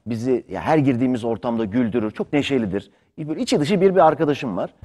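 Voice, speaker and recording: A man's voice: medium pitch, lively intonation, fast, dark tone. A man co-hosting a studio sports talk show, telling anecdotes in a conversational, agreeable way.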